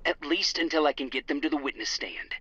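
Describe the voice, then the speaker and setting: An actor playing a dry, articulate trial lawyer speaking over a phone call in a video game. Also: male voice, on the high side, a little fast, sharp tone, slightly rough, dry recording. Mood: businesslike. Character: dry, composed male trial lawyer, old friend. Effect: phone call filter. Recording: dull, band-limited phone call.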